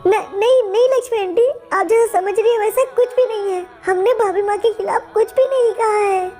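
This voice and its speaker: A timid, hungry young boy servant pleads in a squeaky, very high voice. He sounds apologetic and meek throughout this game story skit. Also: normal speed, a little mellow, soft background music. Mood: begging.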